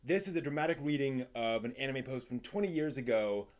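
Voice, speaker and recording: On his relaxed anime live stream, a man talks in a rambling way and sometimes reads passages aloud theatrically. His mid-range, slightly mellow voice moves a little fast with lively intonation.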